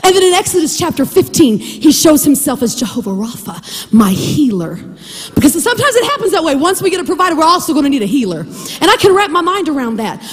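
A woman preaching with a high voice. Her delivery swings widely in pitch as she drives her points home, often rising to near-shouts. The sound carries a long reverb tail. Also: fast. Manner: animated, preachy, shouts and laughs for emphasis. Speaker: podcast host and Bible teacher. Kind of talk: preaching devotional podcast.

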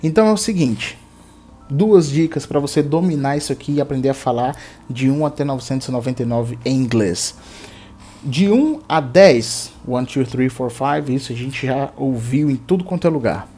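A man teaching English in a patient, step-by-step language lesson, repeating words slowly for practice. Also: medium pitch, mellow, breathy edge.

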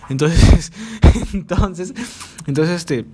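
A man's voice: fairly high pitch, extremely slow, dark tone, breathy edge. A man rambling through childhood stories on his podcast, swearing freely, mocking himself and piling up fillers. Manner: crude swearing, chatty, self-mocking, many fillers. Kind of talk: rambling storytelling monologue. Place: home, recording alone.

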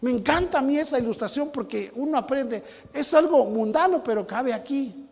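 A high-pitched, gravelly Mexican preacher telling a story to his congregation, acting out sounds and rising to shouts. His voice rings with the long reverb of a large hall. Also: normal speed. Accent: Mexican Spanish. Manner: animated storytelling, sound effects, shouting climaxes. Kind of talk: sermon with personal anecdote.

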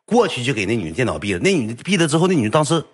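A man with a Northeastern Mandarin accent telling a comic story on a livestream, animated and colloquial. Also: mid-range voice, racing, breathy edge. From Northeast China. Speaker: storyteller streamer.

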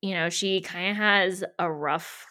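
A woman co-hosting a podcast, recapping a show in relaxed casual chat, often pausing on "um". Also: fairly low pitch. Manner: relaxed recap with many ums and filler words. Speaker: podcast co-host.

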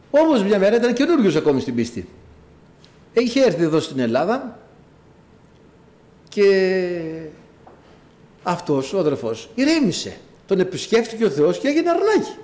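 A man preaching a sermon, telling stories and addressing the congregation directly in an animated way. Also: sits high. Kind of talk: sermon with storytelling.

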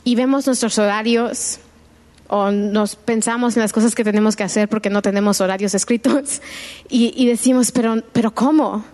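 A woman's voice: a little high, darkish tone. A woman preacher giving a sermon in church in a conversational way, often restarting as she searches for words.

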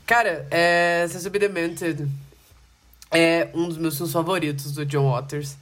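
A man's voice: a little high, steady tone, takes it slowly, a bit bright. A Brazilian man co-hosting a film podcast, talking in a casual, informal and enthusiastic way. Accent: Brazilian Portuguese.

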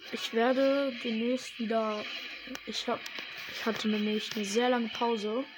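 A woman giving casual, hesitant, self-deprecating gameplay commentary, recorded in low quality straight into a tablet's built-in microphone. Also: steady tone, slow, background noise. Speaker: gaming streamer. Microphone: built-in tablet microphone, no separate mic. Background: music.

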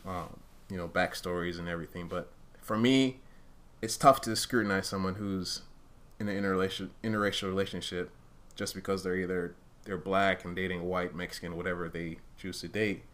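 A deep, steady male voice, somewhat bright and fairly fast. As a podcast co-host, the Uganda-born man, brought up in Rwandan culture, chats openly and casually, musing aloud and hedging often while he reasons things through.

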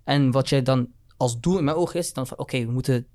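Young man, rapid opinionated talk, casual slang with English mixed in. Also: mid-range voice, dark tone. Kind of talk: casual discussion.

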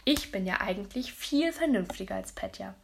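A woman narrating a children's audiobook as a young girl telling her own story. Her telling is lively and chatty, with a mid-range voice. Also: medium pitch, moderate pace, gravelly, slight background noise. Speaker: audiobook reader.

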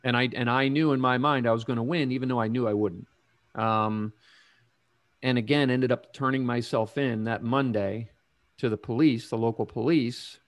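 Middle-aged guy talking slow and thoughtful, lots of ums, dry close sound. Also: medium pitch, fairly even intonation, dry recording. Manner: slow, reflective, many ums and restarts. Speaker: guest sharing recovery story. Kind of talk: casual interview talk.

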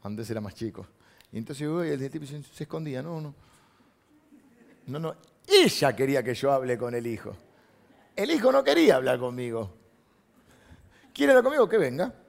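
A man's voice: mid-range voice, sing-song, brisk, gravelly, pauses often. A middle-aged man, a pastor giving a conversational sermon, reading scripture aloud and making asides to the congregation.

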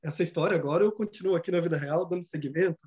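A man's voice: on the high side, very fast, a little mellow. A man earnestly telling a personal story in casual conversation, full of fillers and repeats. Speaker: study group member. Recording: dull lo-fi sound.

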